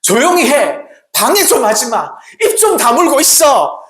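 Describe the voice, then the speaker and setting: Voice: sits high, very animated, unhurried, pitched above the performer's own voice. A preacher acting out a jeering, scornful crowd. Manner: harsh and dismissive, raised voice. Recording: echoey church hall.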